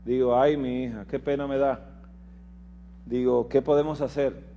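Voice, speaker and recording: A man giving a preached lecture, telling personal stories and acting out the dialogue, dropping to quiet asides and rising to loud emphasis. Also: medium pitch, normal speed, muffled recording, a little hiss or hum. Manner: animated storyteller who acts out dialogue and swings from hushed asides to loud emphasis. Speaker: health lecturer at a Bible prophecy school.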